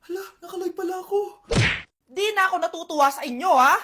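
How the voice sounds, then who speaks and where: Woman playing a shrill scolding schoolteacher. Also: fairly quick. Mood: exasperated. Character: strict scolding female schoolteacher. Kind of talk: comedic skit acting. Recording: loud background music.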